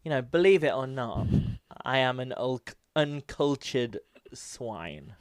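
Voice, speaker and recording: A man's voice: medium pitch, normal speed, clear, resonant tone, no room sound, clean studio sound. An English man co-hosting a podcast, bantering in a joking, self-deprecating way. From England. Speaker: podcast co-host. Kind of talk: casual podcast chat.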